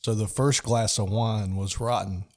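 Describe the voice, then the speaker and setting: A man's voice: lowish voice, fairly even intonation, unhurried, darkish tone. A man co-hosting a casual podcast who drops dry wisecracks and laughs at his own jokes. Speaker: podcast co-host. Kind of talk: casual chat.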